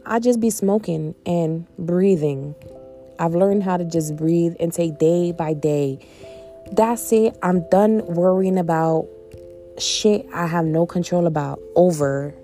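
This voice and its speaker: Woman vlogger, blunt and profane, mellow tone, outdoors on a porch with faint music behind. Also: mid-range voice. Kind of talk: casual personal vlog. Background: faint music and street noise.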